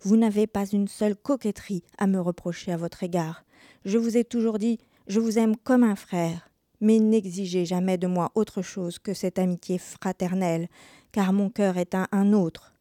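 A woman's voice: medium pitch, fairly even intonation, moderate pace, mellow, dry recording, studio quality, natural voice. A woman voicing a steadfast young woman who speaks firmly and coolly in a dramatized reading. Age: young adult. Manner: firm, cool.

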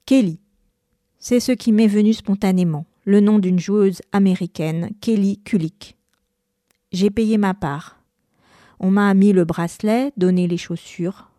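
A woman reading a first-person novel aloud in a measured, expressive narrating style. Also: medium pitch, no room sound, studio quality. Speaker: reader.

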